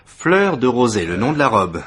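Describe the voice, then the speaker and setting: In a French radio mystery play, a man portrays an eager, deferential police assistant who lays out his deductions with proud, methodical emphasis. He sounds keen and insistent. His medium-pitched voice is sing-song, fairly bright and slightly rough, at a normal speed.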